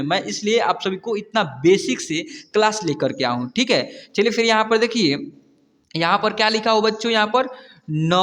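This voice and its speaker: A man teaching Hindi reading, sounding out letters and repeating each word twice in a slow lesson. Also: high-pitched, fairly bright tone, big-room sound.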